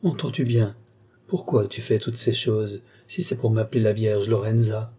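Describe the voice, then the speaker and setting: A man's voice: on the low side, fairly even intonation, moderate pace, warm tone, breathy edge. A man reading the lines of a young woman desperately in love, in an impassioned, pleading delivery. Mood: anguished. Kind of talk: audiobook character reading.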